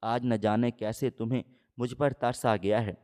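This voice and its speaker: A man's voice: medium pitch, steady tone, dark tone, natural voice. A man voicing a lovesick young man who pleads earnestly on the phone, in a storybook reading. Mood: pleading.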